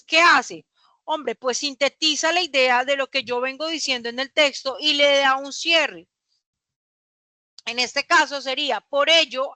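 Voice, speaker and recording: A young woman teacher lectures in a high, bright voice. She lays out each idea patiently and asks the class rhetorical questions. The recording is dry and close, with no room sound. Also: no room sound.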